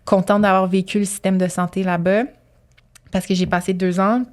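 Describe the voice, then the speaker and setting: A woman's voice: medium pitch, level tone, normal speed, darkish tone. A woman in her thirties with a Québécois French accent, a surgeon who tells chatty stories in an interview and laughs often. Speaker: colorectal surgeon guest. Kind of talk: casual interview storytelling.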